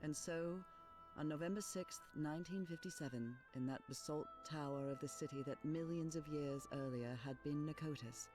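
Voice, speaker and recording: An actress as the narrator of a pulp horror adventure game, giving scripted storytelling. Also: female voice, sits low, normal speed, over music, natural voice. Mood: solemn.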